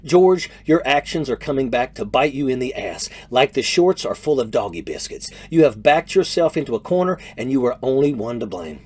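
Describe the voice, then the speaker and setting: A man's voice: medium pitch, big pitch swings, moderate pace, hardly any pauses, a little mellow, slightly rough. An American man in his fifties delivering scripted political commentary in a blunt, scornful manner. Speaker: political commentator, retired army major.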